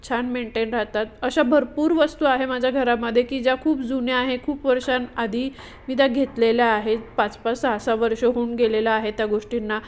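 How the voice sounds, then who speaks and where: A woman chatting through a home vlog voice-over, explaining her cleaning routine with frequent fillers. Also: fairly high pitch. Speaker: vlogger. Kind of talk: casual voice-over vlog narration.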